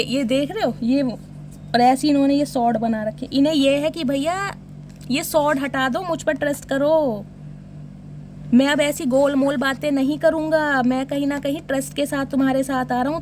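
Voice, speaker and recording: A woman's voice: sits high, noisy background. A woman giving a casual tarot reading, teasing and joking as she talks to her viewers. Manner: teasing, jokey commentary addressing viewers. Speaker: tarot reader.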